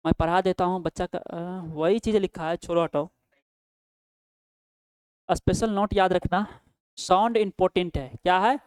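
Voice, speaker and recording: A man's voice: high-pitched, fairly even intonation, moderate pace, long pauses, clear, resonant tone, dry recording. A male teacher gives a grammar lesson, asking questions and answering them himself, with frequent checks like "right?". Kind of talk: Hindi-language English grammar lesson.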